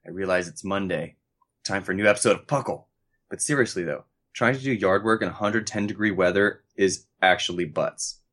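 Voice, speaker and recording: A male podcast co-host with a fairly low voice, reading listener mail aloud. His delivery is playful and jokey, with casual banter. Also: fairly quick, a bit bright.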